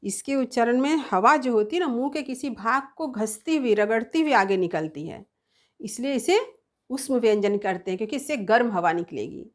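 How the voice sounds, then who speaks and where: A woman's voice: a little high, animated, normal speed. A woman teaching a grammar lesson, explaining step by step, sounding out letters one at a time and answering her own questions.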